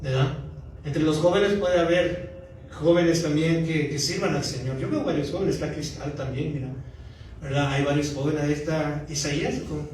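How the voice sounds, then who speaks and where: A pastor giving a conversational sermon, often checking in with the congregation. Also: male voice, a little high, fairly even intonation, normal speed, a little mellow, slight background noise. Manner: conversational preaching, often asking the congregation "¿verdad?". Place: church sanctuary. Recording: echoey church hall from far off.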